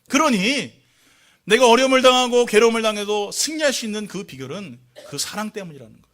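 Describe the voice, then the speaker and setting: A male pastor preaching a sermon to his congregation, swinging between loud exhortation and quiet, drawn-out lines. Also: sits high. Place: church sanctuary.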